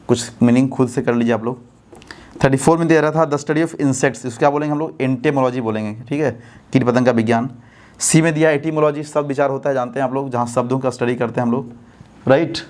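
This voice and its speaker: Indian guy going through english test answers, keeps asking the class if its clear. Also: medium pitch, a little mellow. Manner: explains step by step, asks students rhetorical checks. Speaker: English teacher. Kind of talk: exam-prep lesson explaining answers.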